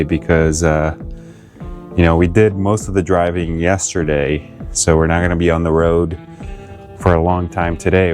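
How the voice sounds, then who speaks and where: Laid-back deep-voiced man vlogging. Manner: relaxed, rambling with many fillers. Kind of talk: casual travel vlog narration. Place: inside an RV and outdoors on the road. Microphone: smart glasses camera.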